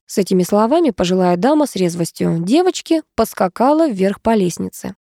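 A woman narrating a story in an even, measured way. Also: medium pitch, vocal fry, no room sound, clean studio sound. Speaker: audiobook narrator. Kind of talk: scripted narration.

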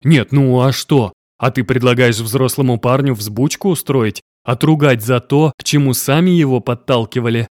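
A male narrator voicing an easygoing middle-aged father who defends his son and calms his wife. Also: mid-range voice, normal speed, hardly any pauses, no room sound, clean studio sound, lightly acted. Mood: placating. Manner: placating, snorting.

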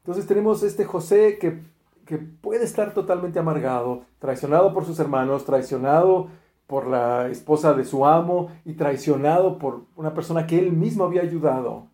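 A man preaching a sermon, retelling a Bible story in a lively way and acting out the quoted speech, with frequent fillers and restarts. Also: fairly high pitch, moderate pace, roomy sound.

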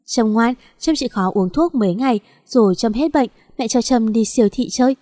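A woman voicing a worried, gentle elderly mother with a pleading manner. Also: fairly high pitch, brisk, no echo, clean studio sound, close to an everyday voice. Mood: anxious. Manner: pleading, anxious.

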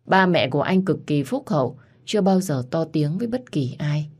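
Low, husky woman storyteller. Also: moderate pace. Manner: steady, somber storytelling. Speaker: narrator. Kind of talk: scripted audio story narration.

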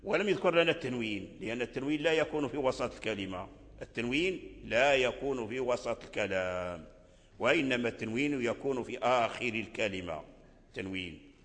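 A man with a Moroccan accent teaching Quran recitation rules step by step, chanting short verse examples slowly to illustrate each point. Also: mid-range voice, animated, a bit bright, in a large hall. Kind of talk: tajweed lesson.

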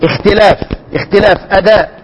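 A man with an Egyptian Arabic accent teaching Quran recitation in a lecture, repeating words slowly as examples and quizzing his students. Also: high voice, fairly even intonation, highs cut off, slight background noise.

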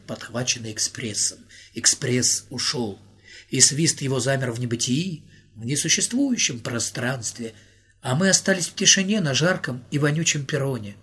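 A man reading an audiobook aloud with ironic, theatrical narration and a husky voice. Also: a little high, a bit bright. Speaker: audiobook reader.

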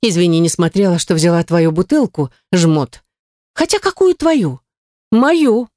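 A woman's voice: on the low side, very animated, unhurried, darkish tone, no room sound, clean studio sound. A woman voicing a sassy young heroine who fires back with cheeky, indignant retorts. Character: sassy young heroine, quick-tongued and defiant.

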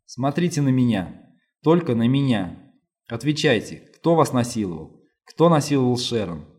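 A man's voice: medium pitch, sing-song, moderate pace, darkish tone, close to an everyday voice. Brief: male reader as a tough woman police lieutenant, firm, insistent, audiobook. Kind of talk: audiobook reading.

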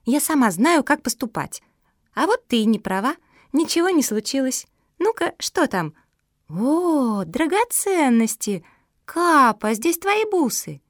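A woman voicing a headstrong little female dog with a high, excited, whiny voice. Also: normal speed, no room sound, clean studio sound.

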